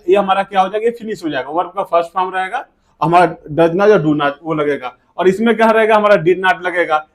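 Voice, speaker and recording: High-voiced Indian man teaching grammar. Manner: drills sentence pairs, repeats words, asks and answers own questions. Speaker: English teacher. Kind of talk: classroom grammar lesson.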